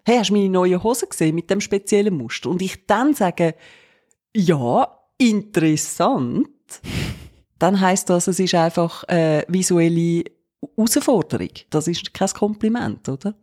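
A young woman with a Swiss German accent co-hosts a podcast. She talks in a relaxed, conversational way. Now and then she slips playfully into imitations of the people she quotes. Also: lowish voice, normal speed. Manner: playful, acts out quoted voices. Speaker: podcast co-host. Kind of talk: casual podcast chat.

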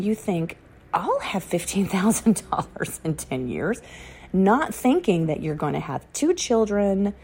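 A middle-aged woman with a low, gravelly and husky voice shares an earnest personal faith testimony. Her tone is dark and mellow, and she repeats key phrases for emphasis as she speaks outdoors on an autumn morning.

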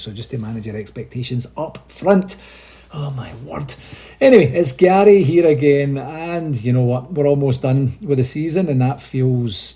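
A man's voice: medium pitch, dark tone. A Scottish man hosting a casual solo podcast update, chatty and rambling, with frequent restarts. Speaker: supporters' association podcast host.

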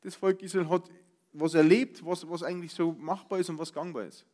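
A Bavarian man preaching a sermon, switching between loud outbursts and soft asides and acting out grumbling voices. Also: on the high side, steady tone, a little fast.

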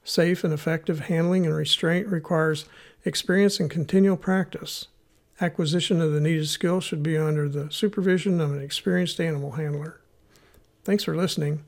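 A man with a Missouri accent narrates a scripted educational podcast. His voice sits a little high for a man and carries a lot of gravelly fry. He sets out the material in a measured, instructional manner, as a host teaching listeners. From United States, Missouri.

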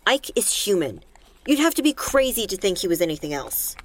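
A dry, sarcastic jail deputy voiced by a woman who delivers her lines deadpan in a mid-range voice. She keeps a no-nonsense edge throughout. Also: medium pitch, a little fast, a little hiss or hum, natural voice.

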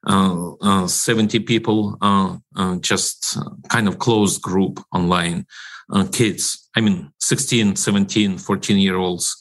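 A man telling a story as an interview guest, halting and repeating his words. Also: low voice, steady tone. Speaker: interview guest from a broadcasting ministry.

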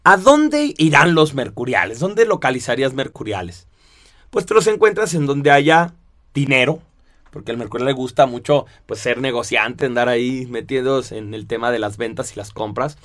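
A man's voice: mid-range voice, lively intonation, moderate pace, fairly bright tone. Casual Mexican man explaining. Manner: conversational, asks rhetorical tag questions. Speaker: lecturer on personality types.

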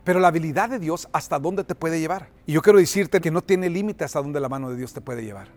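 A man preaching a sermon as pastor, emphatic, often asking the congregation to repeat his words and building to loud, forceful peaks. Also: a little high, quick pace. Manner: rises to loud, forceful delivery at climaxes.

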